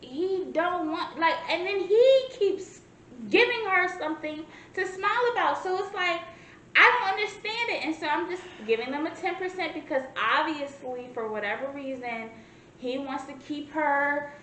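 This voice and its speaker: A woman with a high voice co-hosts a casual review chat. She rambles, restarts her sentences and acts out her own imagined replies. The room echoes, with faint noise behind her. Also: normal speed, fairly bright tone. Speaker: co-host reviewing a reality show.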